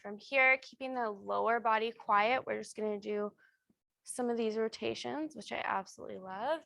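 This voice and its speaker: A woman's voice: on the high side, normal speed, gravelly, bright, forceful tone, no echo. A woman cueing exercises as an aerobics instructor, giving short, encouraging instructions and counts. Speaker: fitness instructor leading a beginner strength and flexibility class.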